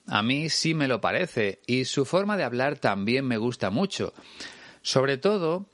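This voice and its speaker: A male teacher with a Spain Spanish accent works through a lesson, patient and clear as he talks straight to the listener. His voice sits at an ordinary middle pitch. The sound is dry and close, with no room around it. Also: very animated, unhurried, a bit bright, no echo. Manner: patient, clear and explanatory, addressing the listener directly. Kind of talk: explanatory language lesson.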